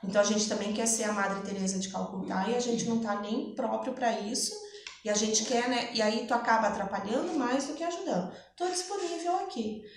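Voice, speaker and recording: A woman's voice: fairly high pitch, brisk. Woman lecturing in an echoey hall. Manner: conversational, asks "né?" often. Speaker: lecturer at a spiritist center. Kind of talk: spiritist lecture. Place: spiritist center hall. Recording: echoey hall with faint noise.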